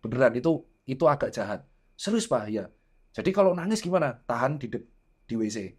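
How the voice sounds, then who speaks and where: A man in his thirties chats on a podcast as a doctor and father. He tells stories in an animated way, slipping into the voices of the people he quotes. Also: mid-range voice, fairly quick, slightly rough. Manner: animated storytelling, acting out quoted dialogue. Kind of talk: casual podcast chat.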